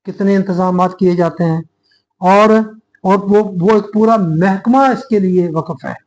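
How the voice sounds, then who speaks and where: A religious speaker, a man with a Pakistani Urdu accent, delivers a sermon-style lecture in a fairly high voice at a measured pace. He talks earnestly, calls his listeners brothers, and reasons aloud, restarting sentences as he explains. His tone is darkish and the recording is rough.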